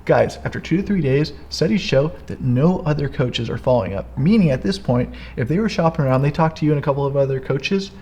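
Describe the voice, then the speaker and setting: Man, young adult, medium-pitched, energetic, emphatic, casual teaching chat. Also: quick pace, few pauses, muffled recording. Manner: energetic, emphatic, repeats "here's the deal". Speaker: co-host, business coach.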